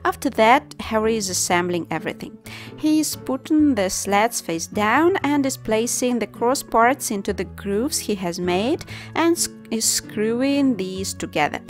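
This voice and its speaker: A woman's voice: on the high side, lively intonation, measured pace, faint music behind. Woman narrating a home DIY vlog. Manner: plain, practical step-by-step explaining. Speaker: DIY channel host. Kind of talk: voice-over narration of a home renovation.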